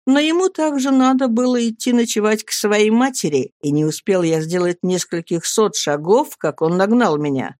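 A man narrating a first-person novel as an audiobook, in a lively, emphatic storytelling manner. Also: high voice, normal speed, hardly any pauses, no echo.

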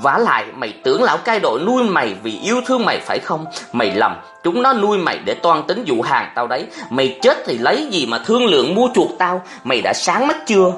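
A man's voice: on the high side, very animated, fast talker, hardly any pauses, a bit bright, faint music behind, voice pushed up. A man voicing a stern old schoolmaster who scolds his son in a storybook reading. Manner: scolding, authoritative.

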